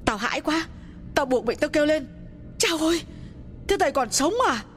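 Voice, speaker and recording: A man voicing a frightened middle-aged village mistress who speaks in a shaky, hushed way to her servant. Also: high voice, very animated, moderate pace, faint music behind, pitched above the performer's own voice. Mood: terrified.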